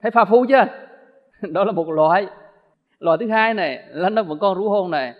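Monk guy giving a dharma talk, high voice, lively, acts out little convos, echoey hall, muffled lo-fi. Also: moderate pace. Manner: animated, acts out everyday dialogues. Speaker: Buddhist monk teacher. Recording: echoey hall, dull lo-fi sound.

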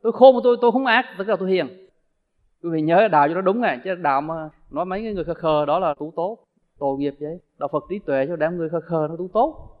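A man giving a Buddhist dharma talk as a monk teacher, animated and acting out everyday dialogues. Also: a little high, quick pace. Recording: echoey hall, dull lo-fi sound.

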